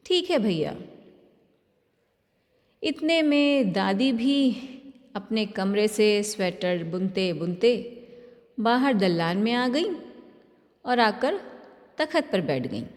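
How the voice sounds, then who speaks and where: Woman storyteller, slow delivery, slightly high voice, long reverb. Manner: unhurried, shifts tone for each family member's quoted lines. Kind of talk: scripted narration.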